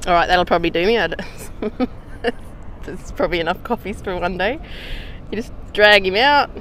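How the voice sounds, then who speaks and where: An Australian woman vlogging outdoors in a casual how-to chat, slangy and relaxed with easy laughs. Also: medium pitch, moderate pace, a little hiss or hum. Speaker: hiking vlogger.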